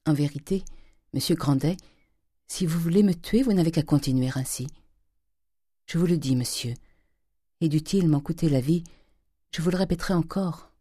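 A woman's voice: deep voice, husky, no echo, studio quality. A woman doing a meek pleading older wife. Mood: imploring. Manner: soft, pleading, slow.

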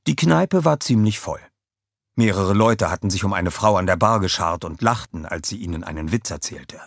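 Husky male audiobook narrator. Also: low voice, lively intonation, moderate pace, dry recording, studio quality.

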